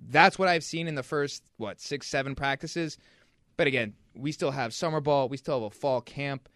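Guy talking college football practice, blunt and quick, dry mic. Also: mid-range voice, a bit bright, no echo. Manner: frank, quick, lots of restarts. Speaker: football beat reporter. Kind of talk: casual sports talk.

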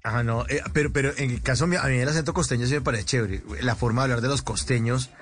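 A man hosting a casual radio chat, reading listener messages and chiming in with quick affirmations. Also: medium pitch. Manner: reads listener messages, frequent affirming interjections. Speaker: radio host.

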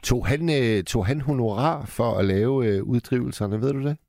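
Male interviewer, gravelly voice, asks stuff kinda haltingly, dry close sound. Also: mid-range voice, darkish tone, no room sound. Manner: curious, halting questions. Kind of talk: interview questions.

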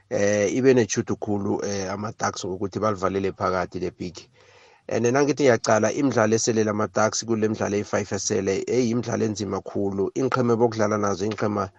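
A man with a South African accent chatting about football as a radio caller, halting and repeating words, in a muffled recording. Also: on the low side, gravelly, dry recording. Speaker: radio sports show caller. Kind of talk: casual football commentary.

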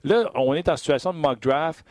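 A man's voice: on the high side, moderate pace, darkish tone, no room sound. A man with a Québécois French accent hosting a hockey draft talk show, chatty and full of hesitations. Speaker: sports radio host.

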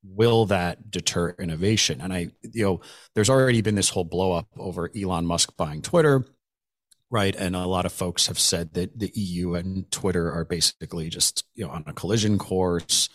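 Low-voiced man hosting a podcast. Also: normal speed, no echo. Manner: conversational, frequent "right?" asides. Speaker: podcast host. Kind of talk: casual policy chat.

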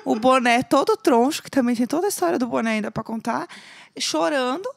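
A woman's voice: high-pitched, fairly quick, creaky, dry recording, clean studio sound. A woman telling a story in casual chat, acting out the voices of the people in it. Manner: animated, acts out quoted voices.

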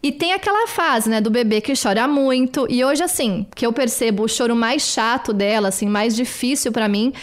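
Brazilian lady co-hosting a chat show, highish voice, expressive, tells personal stuff. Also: moderate pace, few pauses. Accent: Brazilian Portuguese. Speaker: talk show co-host. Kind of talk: casual chat.

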